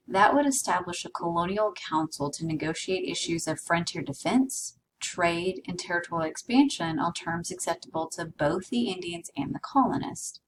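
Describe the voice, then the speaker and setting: A woman's voice: lowish voice, far from the mic, slight background noise, low-quality recording. A woman teaching a history class in a conversational way, with asides to her students. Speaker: history instructor. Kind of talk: recorded lecture.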